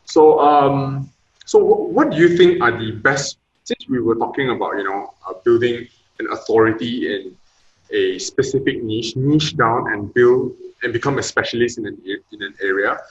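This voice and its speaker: A young podcast host with a medium-pitched voice interviews his guest at normal speed, asking casual, rambling questions packed with fillers. The recording sounds dull and lo-fi, with a roomy echo.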